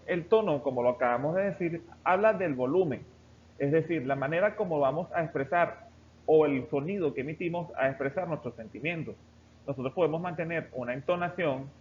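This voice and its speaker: A man teaching a recorded class, explaining step by step and talking directly to his students. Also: fairly high pitch. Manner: steady explanatory delivery, addressing students directly. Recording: dull lo-fi recording with faint background hiss.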